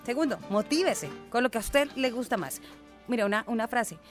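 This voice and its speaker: A woman's voice: a little high, lively intonation, a little fast, faint music behind. A woman with a Colombian accent co-hosting a radio show, playful and bubbly, giving energy tips. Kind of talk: casual radio chat.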